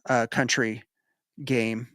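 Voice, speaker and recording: A man's voice: medium pitch, level tone, slow, fairly bright tone, clean tone, dry recording, clean studio sound. A man from the United States hosting a casual sports betting podcast, rambling and correcting himself as he goes. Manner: rambling, self-correcting, chuckles. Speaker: podcast host.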